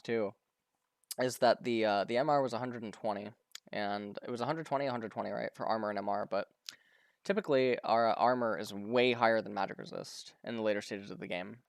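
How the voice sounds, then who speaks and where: Smooth-voiced man casually co-streaming a match. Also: fairly low pitch, no echo, studio quality. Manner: halting, repeats words, answers chat questions. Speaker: streamer commenting on a pro match. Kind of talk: casual live co-stream commentary.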